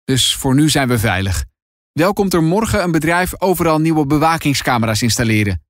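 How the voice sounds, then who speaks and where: A man's voice: a little high, big pitch swings, normal speed, no echo, studio quality. A man voicing a caring, worried mother in a storybook reading, concerned but firm.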